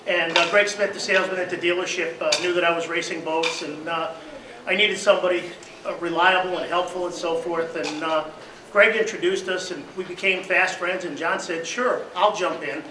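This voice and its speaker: A man's voice: sits high, steady tone, normal speed, background noise. A man giving a remembrance at a memorial service, telling stories with many fillers. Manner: storytelling with many fillers, grows loud in the boat tales. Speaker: eulogy speaker. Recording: roomy hall recording from a distance.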